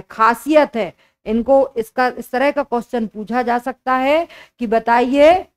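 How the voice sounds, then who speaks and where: Woman teacher, young adult, high voice, unhurried delivery, patient repetition of key points, exam-prep grammar lesson. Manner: slow, explanatory, repeats key points.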